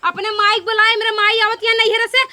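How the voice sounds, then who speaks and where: A woman playing an angry, sharp-tongued young wife in a comedy skit, scolding in an Awadhi accent. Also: very high-pitched, flat delivery, a little fast, no room sound, exaggerated voice. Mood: complaining, angry. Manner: scolding, combative. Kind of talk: rustic comedy skit acting.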